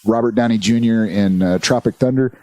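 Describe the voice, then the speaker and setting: A man's voice: medium pitch, a little fast, no echo. A man co-hosting a podcast, rambling and swearing casually as he tells stories and acts out quotes. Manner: rambling, profane, animated storytelling; slips into quoted voices. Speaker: podcast co-host. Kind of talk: casual chat.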